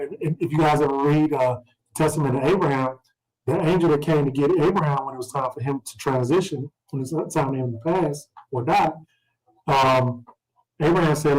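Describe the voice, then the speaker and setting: On a rough recording, a man leads an informal scripture study, reading verses aloud and explaining them. He often checks in with listeners through questions and "right?". His voice is on the high side and a little mellow, and he talks a little fast.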